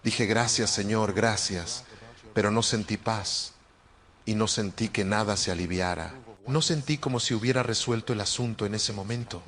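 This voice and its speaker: A man's voice: on the low side, moderate pace, a bit bright. A man preaching a sermon, telling a personal testimony in an earnest, storytelling way.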